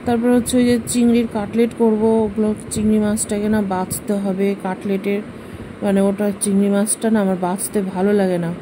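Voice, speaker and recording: A middle-aged woman chatting casually to her viewers about her household chores in a rambling, homely way. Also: medium pitch. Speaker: vlogger. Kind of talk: casual household vlog chat. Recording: noisy home recording.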